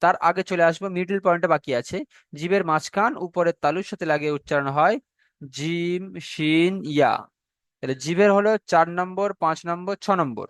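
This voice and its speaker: A man teaching a class on pronouncing Arabic letters, slow and repetitive, drawing out each letter sound and checking in with his students. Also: high-pitched, fairly bright tone, no room sound. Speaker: Quran recitation teacher. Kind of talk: classroom lesson on letter pronunciation.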